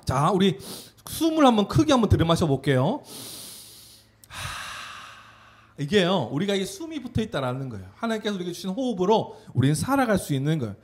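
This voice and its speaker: A man giving an animated children's sermon, telling a story and having the kids repeat words after him. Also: high voice, quick pace, hardly any pauses, husky. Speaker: children's pastor.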